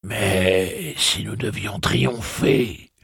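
A man's voice: fairly low pitch, steady tone, very slow, gravelly, fairly bright tone, breathy edge, no echo, studio quality, voice pushed up, full character voice. A man playing a hardened, stern gunslinger who speaks harshly and solemnly.

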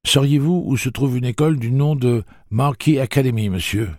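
A man's voice: mid-range voice, moderate pace, a little mellow, dry recording, clean studio sound, voice pushed up, lightly acted. A man voicing a polite, weary young boy who speaks deferentially to his elders.

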